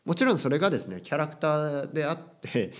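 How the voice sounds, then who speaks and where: A young man teaches Japanese in a casual lesson, playfully quoting characters and phrases. His voice is fairly high and sing-song, and he talks fast.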